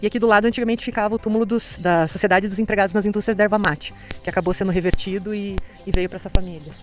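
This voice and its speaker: A woman's voice: mid-range voice, fairly even intonation, very fast. A woman guiding a cemetery tour, explaining with enthusiasm.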